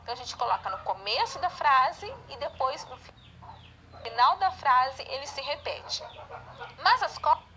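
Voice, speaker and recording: A woman's voice: sits high, lively intonation, moderate pace, sharp tone, slight background noise, rough recording. A Brazilian woman teaching a class, explaining step by step and checking in with "tá?" and "né?". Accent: Brazilian Portuguese. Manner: explanatory, frequent checking tags like "tá?" and "né?". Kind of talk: online class lecture.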